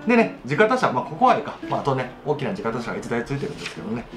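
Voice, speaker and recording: A man's voice: medium pitch, wildly swooping pitch, very fast, music in the background. A man with a Kochi Tosa accent hosting a casual solo radio talk, chatty and self-mocking as he demonstrates dialect phrases. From Kochi, Japan. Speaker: radio show host, voice actor.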